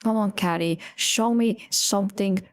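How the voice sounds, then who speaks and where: A woman streamer reacting casually to a video, incredulous and teasing with deadpan jokes. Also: mid-range voice, a little slow.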